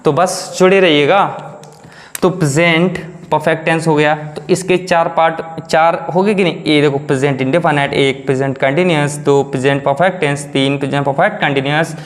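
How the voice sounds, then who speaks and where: A man's voice: a little high, steady tone, brisk. A man teaching English grammar in a video lesson, repeating points and quizzing his viewers. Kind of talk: classroom-style video lesson.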